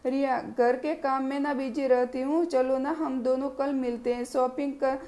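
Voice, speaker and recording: Lady voicing a breezy young friend on the phone, storybook, high flat voice. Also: normal speed, close to an everyday voice. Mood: friendly.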